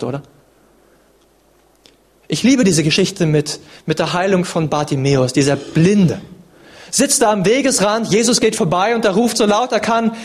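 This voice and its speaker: Husky-voiced man preaching with hushed drops. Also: high-pitched. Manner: earnest, dramatic swings from loud to hushed. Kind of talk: sermon.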